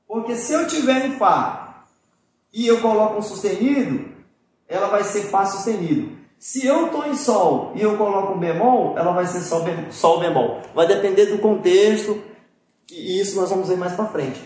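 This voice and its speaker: A man's voice: sits high, animated, normal speed, darkish tone, a little hiss or hum. Man teaching music in an echoey room. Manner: patient, repetitive explaining with frequent "pessoal" and "tá?". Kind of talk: recorded video lesson.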